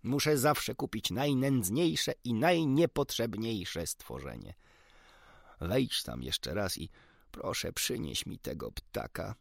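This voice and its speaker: A man voicing a kind, gentle middle-aged doctor in an audiobook, speaking softly and thoughtfully. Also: lowish voice, lively intonation, takes it slowly, vocal fry, no room sound, studio quality, full character voice. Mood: resigned. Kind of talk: audiobook character reading.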